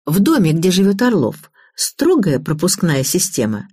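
A woman voicing an inquisitive, sharp-tongued older mother-in-law who talks bluntly in quick exclamations. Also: fairly low pitch, huge pitch swings, husky, no echo, studio quality, heavily acted. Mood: probing.

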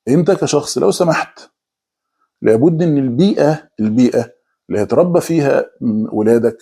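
A middle-aged man with an Egyptian accent giving a conversational religious talk, slipping into quick mock voices of people making excuses. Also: mid-range voice, vocal fry, warm tone, breathy edge. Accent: Egyptian Arabic. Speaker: preacher.

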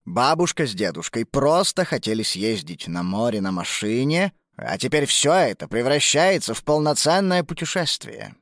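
A woman voicing a grumbling, cautious father in a children's story, dropping her voice low. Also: very animated, normal speed, no room sound, clean studio sound, exaggerated voice.

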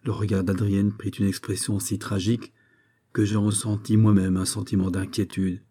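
A man reading a nineteenth-century short story aloud in a measured, steady narrating manner. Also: lowish voice, breathy edge. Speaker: audiobook reader. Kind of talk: literary audiobook narration.

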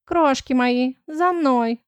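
A woman's voice: high-pitched, slow pace, smooth, no room sound, voice pushed up. A woman reader voicing a haughty middle-aged stepmother who talks down in a lecturing tone in an audiobook. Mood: condescending. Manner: condescending, lecturing.

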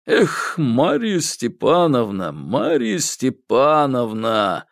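A woman voicing a pompous older man who scolds in a drawn-out, reproachful way. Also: sits low, very animated, no room sound, clean studio sound, pitched above the performer's own voice, heavily acted.

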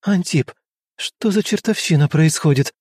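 A man voicing an anxious young baroness who speaks softly and pleadingly. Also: fairly high pitch, a little slow, slightly rough, no room sound, pitched above the performer's own voice. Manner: soft, pleading.

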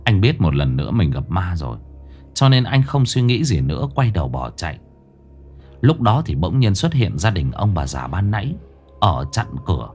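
A man tells a ghost story with a theatrical delivery. His voice sits low but swings widely up and down. Faint music plays behind him. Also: big pitch swings, moderate pace, darkish tone. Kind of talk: dramatic ghost story narration.

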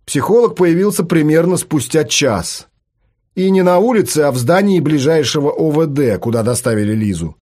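A man narrates an audiobook from a script in an expressive, storytelling manner. His voice is on the high side and he reads at normal speed.

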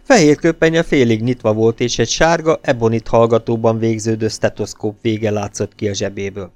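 A man narrating an audiobook in a steady storytelling manner. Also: on the low side, dry recording. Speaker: audiobook reader.

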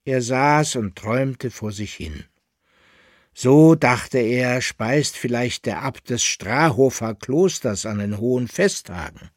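Male audiobook reader, measured expressive narration, husky, dry close sound. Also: mid-range voice, no room sound. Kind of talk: literary reading.

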